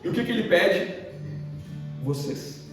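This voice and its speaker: Brazilian preacher in an echoing hall. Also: male voice, high voice, a little slow. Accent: Brazilian Portuguese. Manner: animated, asks the congregation questions. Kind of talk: sermon. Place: church hall. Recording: echoey hall from far off, guitar behind.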